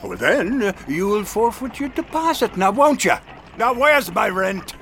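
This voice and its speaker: A grumpy, merciless landlord from a period drama. His gravelly voice sits high and swings widely as he sneers and bullies, with faint noise behind him. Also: big pitch swings, measured pace, a bit bright, heavily acted. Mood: mocking, bullying. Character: grumpy, merciless male landlord demanding rent.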